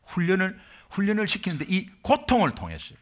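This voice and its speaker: Bright, animated Korean-born male pastor. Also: high-pitched, fast. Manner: impassioned, dramatic preaching with rhetorical questions. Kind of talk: sermon.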